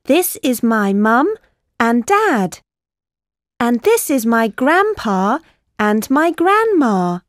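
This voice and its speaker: A woman voicing a lively young girl. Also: on the high side, slow pace, no room sound, studio quality. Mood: cheerful. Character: young girl character with pets. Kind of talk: slow scripted textbook reading.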